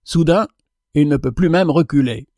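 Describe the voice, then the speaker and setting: A man narrating a fable in an expressive, measured reading. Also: fairly high pitch, no room sound, studio quality. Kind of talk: storybook narration.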